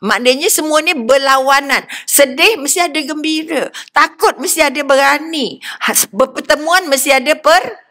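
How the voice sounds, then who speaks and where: An older woman with a Malaysian Malay accent giving a lively religious lecture, often putting questions to her audience. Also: high-pitched, normal speed. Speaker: religious speaker.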